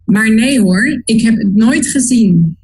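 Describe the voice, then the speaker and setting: Slow, breathy woman reading examples. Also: fairly high pitch, animated, darkish tone, poor audio. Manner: reads example sentences, adds short explanations. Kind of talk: online language lesson.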